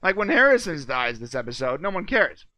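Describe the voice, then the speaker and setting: A man with a high, bright voice talks through a TV episode in a loose, excited ramble, full of quick asides. He sounds like a casual co-host reviewing a show, recorded close and dry with no room sound. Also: no echo.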